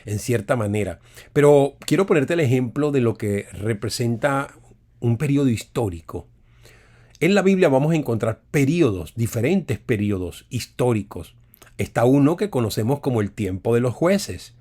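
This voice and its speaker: A man's voice: mid-range voice, expressive, normal speed, dark tone. A man teaching an online Bible course, explaining step by step and repeating words for emphasis.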